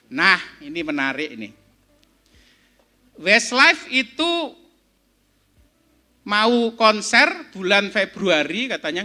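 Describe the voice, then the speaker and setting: A man's voice: high voice, bright, forceful tone. A middle-aged man giving a seminar talk, quizzing the audience as he goes. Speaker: speaker at an entrepreneurship seminar. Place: event hall.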